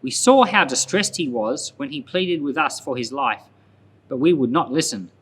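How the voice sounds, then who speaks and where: A man's voice: medium pitch, lively intonation, moderate pace, fairly bright tone, a little hiss or hum, natural voice. A man voicing humble, anxious brothers in a scripture story, earnest and deferential. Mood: anxious, dismayed. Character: anxious, pleading group of brothers, humble grown men.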